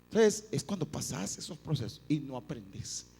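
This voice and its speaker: Animated preacher, lively pitch. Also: male voice, moderate pace, creaky, breathy edge. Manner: animated, acts out quoted voices, addresses listeners as "hermano". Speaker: pastor. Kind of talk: sermon. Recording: reverberant church hall, faint music.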